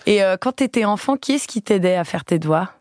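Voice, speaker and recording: A woman hosts a podcast, asking friendly, curious questions at an easy pace. Her pitch sits in a middling range. The sound is dry and close-miked. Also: expressive, brisk, darkish tone, no room sound. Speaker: podcast host. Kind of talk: casual interview questions.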